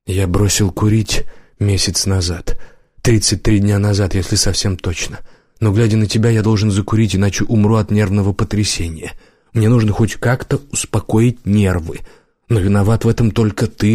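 A male audiobook reader voicing a gruff, mocking drill sergeant who barks orders and scolds a recruit. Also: fairly low pitch, a little mellow, no echo, studio quality, close to an everyday voice. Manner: barking orders, sarcastic scolding. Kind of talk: audiobook character voice.

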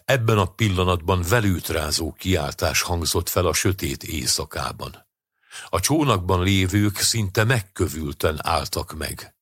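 A man reading a short story aloud as an audiobook narrator, in a steady, measured way. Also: sits low, husky, no echo, studio quality.

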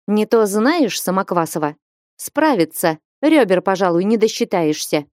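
A woman's voice: medium pitch, big pitch swings, measured pace, darkish tone, no echo, clean studio sound. A woman reading an audiobook voices a bold, bossy young village woman who scolds and commands sharply. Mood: scolding.

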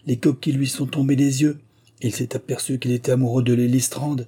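A man voicing a frank, lively young woman who teases her parents in a storybook reading. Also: mid-range voice, brisk, breathy edge, pitched above the performer's own voice. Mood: teasing.

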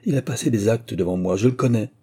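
A man's voice: lowish voice, quick pace, dark tone, slightly rough. A man reading the part of a smug, married middle-aged notary who presses his suit with cajoling questions. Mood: wheedling.

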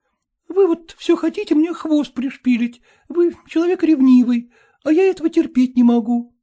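A man reading aloud, voicing a coy, lively young factory girl in a raised voice. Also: very high voice, moderate pace, pitched above the performer's own voice. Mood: pleading.

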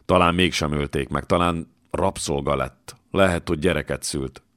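A man voicing a proud young warrior who speaks gruffly and curtly. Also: very deep voice, fairly even intonation, a bit bright, dry recording, clean studio sound.

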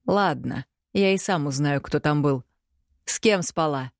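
A woman voicing a stern, domineering rich middle-aged father in an audiobook, with slow commanding lines. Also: deep voice, no echo, studio quality. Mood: angry.

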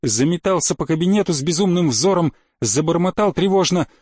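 A man narrating an audiobook in a measured, ironic way. His voice sits a little high, and the recording is close and dry with no room sound. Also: animated, a little mellow, husky, dry recording.

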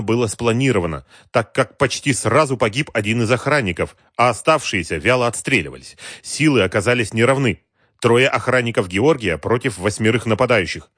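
A man narrating a thriller audiobook in an expressive, dramatic way. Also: medium pitch, no echo, clean studio sound.

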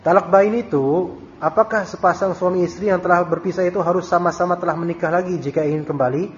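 High-voiced man teaching, lo-fi recording. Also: fairly even intonation, fast. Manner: casual, joking, reads out questions and answers them. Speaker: Islamic teacher. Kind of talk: recorded study-circle lecture with Q&A. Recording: dull lo-fi audio with faint hiss.

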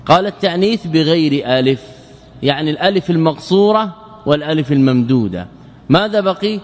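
A man who is a scholar teaching Arabic grammar, reciting verse lines slowly and then asking rhetorical questions and answering them himself. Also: a little high, expressive, in a large hall. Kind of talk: lecture.

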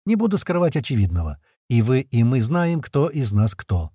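A man reading the part of a calm, composed colonel from another world, speaking in a measured, persuasive way. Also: medium pitch, breathy edge, no echo, clean studio sound. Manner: measured, persuasive, level-headed.

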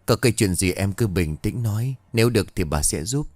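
A domineering, jealous wife of a rural chief, sharp-tongued and quick to scold, as a male storyteller voices her. The voice stays close to his own low, lively narrating tone and sounds dry and near. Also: no room sound. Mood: bossy.

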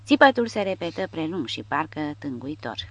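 A woman's voice: low voice, sing-song, fairly bright tone. A woman narrating an audiobook expressively. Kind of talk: scripted narration.

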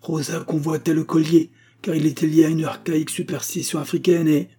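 A man's voice: fairly low pitch, moderate pace, warm tone, slightly rough. A man voicing a sour, self-righteous elderly spinster who hectors and accuses. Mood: accusing.

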